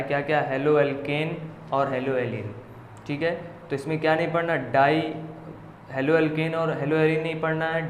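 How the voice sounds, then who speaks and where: A male coaching teacher steadily reading out a list of syllabus topics and checking in with his students as he goes. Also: a little high. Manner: steady listing with frequent "theek hai" check-ins. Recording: echoey room with faint noise.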